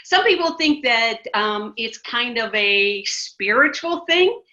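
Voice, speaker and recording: A middle-aged American ministry director appears as a guest in a casual interview, speaking emphatically and restarting her sentences often. Her fairly high voice has lively intonation and a bright, forceful tone, and she takes her time. The recording sounds muffled and lo-fi.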